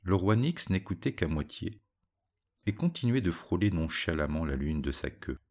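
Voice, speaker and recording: Male storybook narrator, very low voice, husky, gravelly, measured. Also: lively intonation. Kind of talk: storybook reading.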